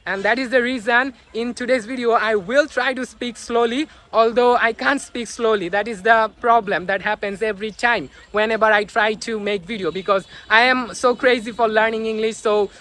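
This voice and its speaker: A man's voice: very high-pitched, bright, forceful tone. A young man whose first language is Bengali, speaking English to camera outdoors in an earnest motivational talk, with many fillers and restarts. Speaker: English teaching YouTuber. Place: outdoors among onlookers.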